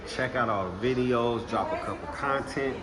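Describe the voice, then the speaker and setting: A Texan host runs a casual interview indoors in Puerto Rico, speaking in a laid-back, slangy way. He has a mid-range voice at a normal speed.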